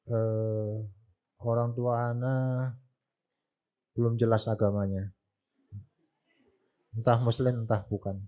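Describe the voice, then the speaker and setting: A man's voice: on the low side, highs cut off. A man politely reading out audience questions to a preacher as moderator. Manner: polite, measured, addresses the preacher.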